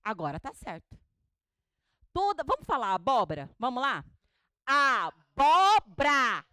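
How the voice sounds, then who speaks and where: A woman teaching a homiletics class, animated and questioning, who drills words syllable by syllable with her students. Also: on the high side, moderate pace, no room sound. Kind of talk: classroom lecture.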